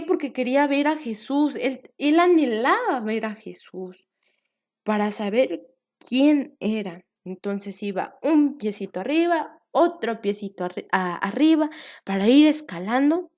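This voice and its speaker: A young woman teaches a children's Bible lesson in a fairly high voice. She talks slowly and keeps stretching out words. She asks her small listeners question after question and sometimes drops into a hushed whisper. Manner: animated, drawn-out repetitions, asks the children questions.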